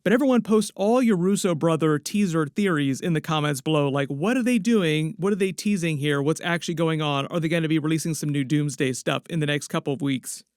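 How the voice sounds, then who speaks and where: A man's voice: fairly high pitch, fairly quick, few pauses, clear, resonant tone, no room sound, studio quality. A man giving casual movie-news commentary in a rambling, speculative way with frequent asides.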